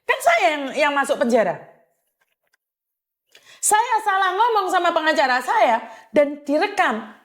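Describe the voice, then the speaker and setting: Woman, high voice, earnest, repeats herself, channel host. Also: sing-song, measured pace, pauses often, fairly bright tone. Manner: earnest, repetitive, mixes in Javanese phrases. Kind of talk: talking to the camera, replying to a complaint.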